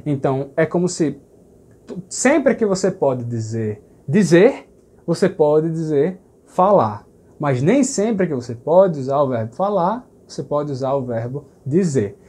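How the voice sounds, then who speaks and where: Husky-voiced Brazilian man teaching. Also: fairly high pitch, very animated, dark tone. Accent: Brazilian Portuguese. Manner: explains patiently, slows down to say example phrases. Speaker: language teacher. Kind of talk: explanatory video lesson.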